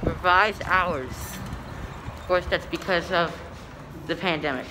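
Taking it slowly, this vlogger with a fairly high voice walks through an indoor mall filming the elevators on his phone and talking to his audience. His narration is hesitant and dotted with ums, set against loud mall background noise.

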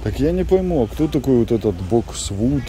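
A middle-aged male vlogger with a warm, expressive mid-range voice talks fairly quickly while filming in a large warehouse store on a handheld camera. He chats casually to viewers as he shops.

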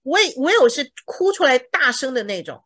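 A woman's voice: high voice, big pitch swings, moderate pace, sharp tone. A woman teaching a bible English lesson in Mandarin, explaining each word and checking with her students. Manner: acts out examples dramatically.

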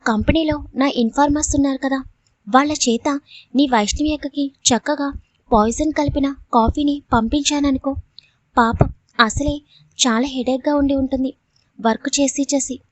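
A woman voicing a scheming young male villain who taunts and threatens in a fast, mocking way. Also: high-pitched, steady tone, no room sound, close to an everyday voice. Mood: taunting.

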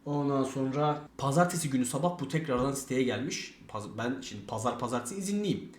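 A man's voice: medium pitch, lively intonation, roomy sound. A young man telling a long story casually, swearing a lot and acting out the lines of the people in it. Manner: fast, rambling, swears a lot, acts out quoted dialogue.

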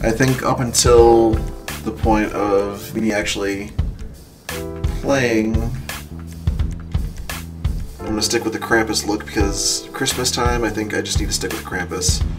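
A man's voice: lowish voice, fairly even intonation, a little slow, long pauses. A man giving casual commentary while playing a video game. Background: game music.

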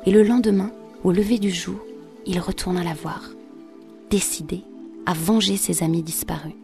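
Brief: female storyteller, lower voice, calm measured reading, soft music underneath. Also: gravelly. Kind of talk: scripted narration of a folk tale.

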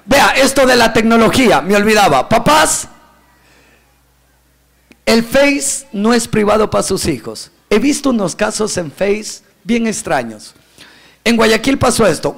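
Lively, gravelly Ecuadorian comedian. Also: male voice. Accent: Ecuadorian Spanish. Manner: punchy setup-and-punchline delivery, voice jumping high then dropping low. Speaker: stand-up comedian. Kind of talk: stand-up comedy routine. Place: outdoor event stage.

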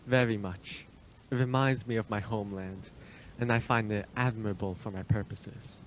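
A low-voiced, imperious vampire count acted by a man speaks with formal, menacing courtesy. It is radio drama, with a faint wash of rain noise behind him. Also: steady tone, close to an everyday voice, low-quality recording. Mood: smoothly menacing. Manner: formal, deliberate, ominously polite. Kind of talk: radio play acting.

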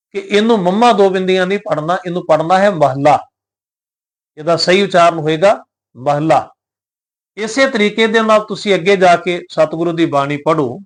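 A man giving a devotional lesson, explaining scripture pronunciation in a measured way and often asking the listeners questions. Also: a little high. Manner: addresses the congregation, poses rhetorical questions. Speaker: Gurbani pronunciation teacher. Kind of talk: devotional teaching talk.

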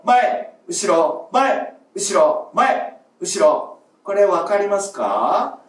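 Man, music teacher, video lesson, shouted demo counts, somewhat high voice, echoey room. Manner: demonstrates exercises by shouting short counts. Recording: roomy echo, distant mic.

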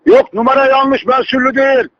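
A man's voice: very high voice, flat delivery, a little fast. A man heard over the phone as the target of a prank call, talking in a brusque, impatient way and repeating himself. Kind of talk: phone conversation. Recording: tinny phone line.

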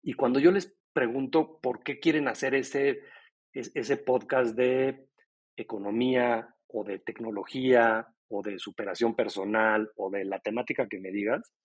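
Speaking unhurriedly in a husky, steady medium-pitched voice, this middle-aged podcast company co-founder is a guest on a relaxed interview. He fields questions with fluent, explanatory answers.

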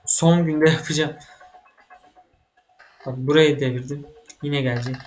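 A man giving casual let's-play commentary as he plays a computer game, excitable and quick to get frustrated, swearing at the game. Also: fairly high pitch, slight background noise. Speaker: gaming channel host.

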